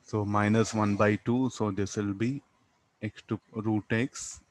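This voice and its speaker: In an unhurried, flat delivery and a fairly low voice, a man with an Indian English accent lectures on physics, solving a problem for the class step by step. He teaches didactically, posing his own questions, answering them, and ending statements with "no?".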